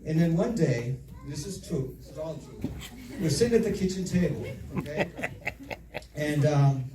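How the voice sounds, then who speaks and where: A middle-aged man giving a humorous father of the bride speech, telling stories with deliberate pauses and repeated phrases. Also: a little high, animated. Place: reception room before an audience. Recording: echoey room, distant mic, audience noise. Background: audience laughter and crowd noise.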